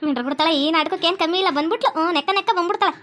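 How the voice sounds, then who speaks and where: North karnataka lady doing cartoon voices, quick scolding village talk. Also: very high voice, fairly bright tone. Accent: North Karnataka Kannada. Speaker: narrator voicing all figures. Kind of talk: cartoon voice acting.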